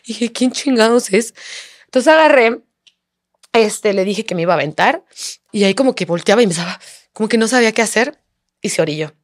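A woman's voice: mid-range voice, expressive, fast, pauses often, no room sound, clean studio sound. A young woman with a Mexican accent, a podcast guest frankly telling a personal story in conversation, using lots of slang.

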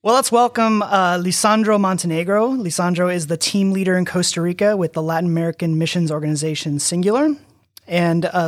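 A man, a pastor co-hosting a missions podcast, introducing the guest and asking about his background. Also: high voice. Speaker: pastor and co-host. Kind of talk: interview host.

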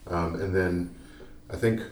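A very deep-voiced man talks in a loose, rambling way, explaining local history as a podcast co-host. He sounds set back from the mic in an echoey small room, with faint noise under him. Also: fairly even intonation, measured pace, darkish tone, recorded from a distance. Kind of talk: casual chat.

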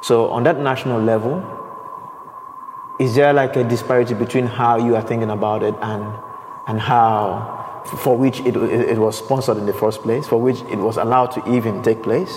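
A man's voice: mid-range voice, fairly even intonation, moderate pace. A man hosting a podcast interview, asking searching questions and restarting his sentences as he thinks aloud. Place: exhibition space indoors. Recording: reverberant hall with clear background noise.

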